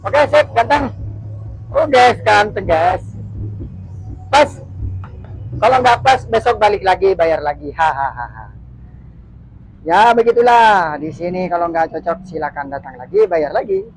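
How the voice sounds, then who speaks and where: A young Indonesian-accented barber chats and jokes to the camera while cutting hair in a small, street-facing indoor shop, narrating like a casual vlog and constantly saying "guys." His voice sits high and is expressive but a little slow, with long pauses. Soft music plays in the background and the recording quality is low.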